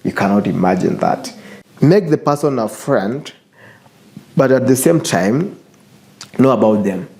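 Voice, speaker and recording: Mellow-voiced young Kenyan man, earnest show host. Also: medium pitch, lively intonation, unhurried, pauses often. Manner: switches between English and Swahili; earnest, repeats phrases for emphasis. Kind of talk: casual monologue to viewers, advice.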